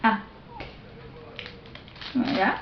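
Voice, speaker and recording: A woman showing off a shopping haul to her viewers in a casual show-and-tell, hesitant, with many fillers and self-corrections, slipping into soft asides. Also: noisy background. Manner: slow, chatty, drops into soft asides. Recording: dull lo-fi home video sound.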